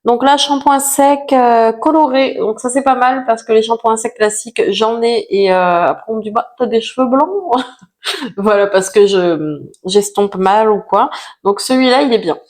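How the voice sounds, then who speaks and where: A woman's voice: on the high side, moderate pace, darkish tone. A woman chatting casually to camera about used-up products, self-mocking, with lots of fillers. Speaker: vlogger reviewing finished products.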